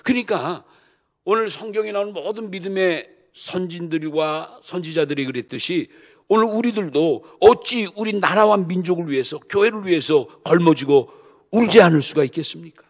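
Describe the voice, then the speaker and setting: Emphatic Korean pastor preaching. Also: male voice, lively intonation, moderate pace. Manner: emphatic preaching with rhetorical questions to the congregation; swings from soft low asides to loud bursts. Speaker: senior pastor. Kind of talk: sermon. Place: church sanctuary.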